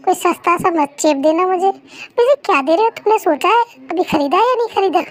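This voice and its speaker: A chatty, dramatic young wife, as a woman voices her in a fan dub drama. She is quick and indignant, and her voice runs very high, loud and lively. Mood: sassy. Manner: fast, indignant, talkative. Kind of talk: fan Hindi dub role-play.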